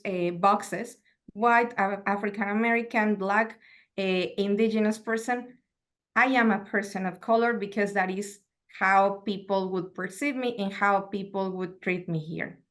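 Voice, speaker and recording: In a calm, thoughtful academic lecture, a female university lecturer from Mexico speaks at a middle pitch. Spanish is her first language, and her style is measured and reflective, sprinkled with rhetorical questions.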